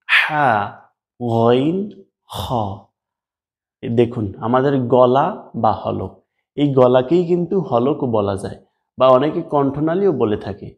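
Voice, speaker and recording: A man teaching pronunciation of letter sounds step by step, patiently drilling the listener with repeated sounds and asking them to repeat after him. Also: medium pitch. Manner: patient, addresses the viewer as brother. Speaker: Quran recitation teacher. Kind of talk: slow step-by-step pronunciation lesson.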